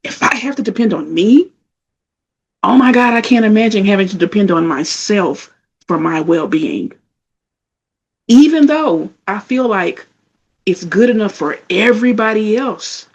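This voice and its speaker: A woman's voice: on the low side, darkish tone, husky, dull audio. A middle-aged woman giving a motivational self-care talk, emphatic and conversational, repeating her points. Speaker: spiritual talk speaker.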